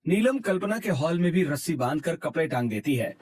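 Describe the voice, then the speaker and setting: A man narrating an animated family story in a steady, scripted storytelling manner. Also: on the high side, a little fast.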